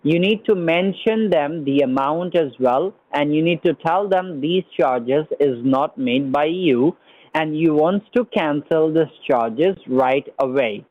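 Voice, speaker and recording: A man's voice: on the high side, a little slow, dry recording. A man on a phone call with a bad connection that keeps cutting out, giving step-by-step instructions and often checking whether the listener is still there. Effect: bad phone connection that cuts out. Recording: tinny phone line.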